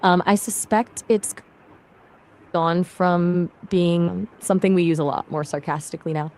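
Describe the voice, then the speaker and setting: An AI assistant with a woman's voice, chatting casually. Her tone sits a little low, but she stays upbeat and quick, bouncing lively replies back in easy conversation.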